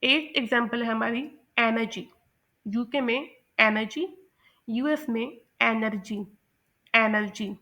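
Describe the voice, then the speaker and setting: A woman teaching English pronunciation in a methodical lesson, mixing English terms into Hindi and repeating example words slowly. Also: fairly high pitch, pushed and bright. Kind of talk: explanatory lesson.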